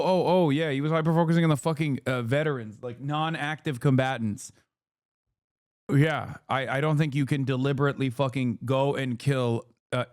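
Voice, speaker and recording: A man's voice: medium pitch, no echo, clean studio sound. A man in his thirties streaming, reacting to an interview with heated, profane, incredulous commentary. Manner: fast, profane, incredulous rants.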